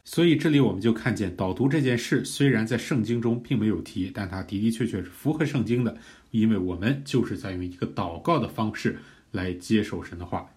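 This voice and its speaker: A male preacher delivers a teaching sermon in an earnest, measured way. His voice sits on the low side. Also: animated, a little mellow. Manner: earnest, measured, rising in fervor during prayed examples. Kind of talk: teaching sermon on pray-reading scripture.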